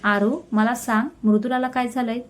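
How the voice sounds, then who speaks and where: A woman's voice: fairly high pitch, fairly even intonation, normal speed, a little hiss or hum, lightly acted. A woman voicing a caring young man who worries over and scolds his friends, in an earnest tone. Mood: concerned.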